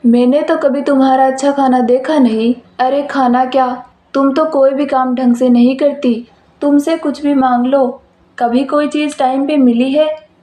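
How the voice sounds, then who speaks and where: A woman voicing a young husband who lost his job and snaps at his wife, speaking in a lowered voice in an echoey room. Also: steady tone, a little slow, dark tone. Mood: angry. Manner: scolding, then apologetic. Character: young husband, short-tempered, stressed after losing his job. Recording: roomy echo.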